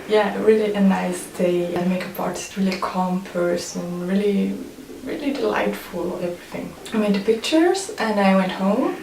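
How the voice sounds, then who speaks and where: A Swiss photographer from Switzerland, whose first languages are German and French, speaks hesitant, casual English in a personal vlog style with a Swiss accent. Her voice is medium in pitch, creaky and slightly mellow. The mic sits far off in a roomy space with faint noise.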